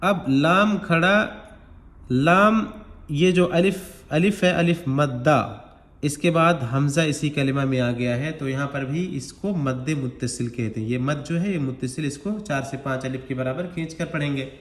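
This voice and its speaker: A man's voice: on the high side, measured pace, echoey room. A man teaching Quran recitation step by step, explaining each rule patiently and stretching out the words he recites. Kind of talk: slow step-by-step recitation lesson.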